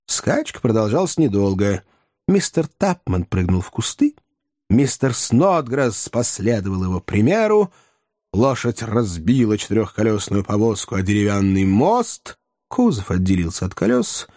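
A man narrating a classic comic novel with expressive, animated storytelling. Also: normal speed, no room sound, studio quality. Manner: expressive, animated storytelling with wide pitch swings. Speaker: audiobook narrator.

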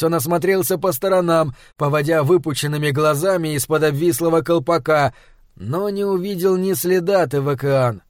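A man reading a fantasy audiobook in a measured storytelling manner. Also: on the high side, darkish tone, no echo, studio quality. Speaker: audiobook narrator. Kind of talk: scripted narration.

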